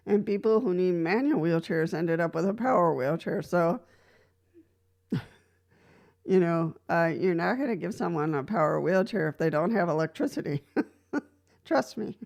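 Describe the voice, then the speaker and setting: Her voice sits fairly low, gravelly and darkish, moving at a moderate pace. She's a woman from Costa Rica who uses a wheelchair, chatting to camera in a casual vlog and passing on practical advice from personal experience. Light laughter punctuates her points, and "so" is her frequent restart.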